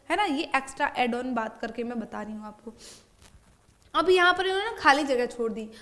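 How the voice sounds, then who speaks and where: A young woman teacher with a high, light voice. She explains a grammar lesson step by step in a classroom way. She keeps asking a question and then answers it herself. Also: fairly bright tone. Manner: asks and answers her own questions.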